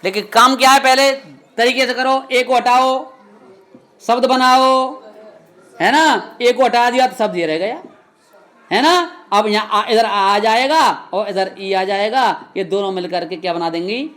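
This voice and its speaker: A man's voice: very high voice, a bit bright. Stern classroom teacher, male, scolds and quizzes students as he explains. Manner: stern, scolding, full of quick quiz questions to students. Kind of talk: classroom grammar lesson.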